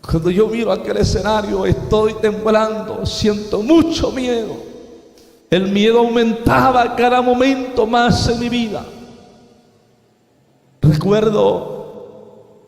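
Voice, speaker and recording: A man's voice: high voice, steady tone, takes it slowly, vocal fry, long pauses, a little mellow. A man evangelist, preaching a dramatic testimony and calling out to his brothers and friends. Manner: dramatic, addresses "hermanos y amigos". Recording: echoey hall.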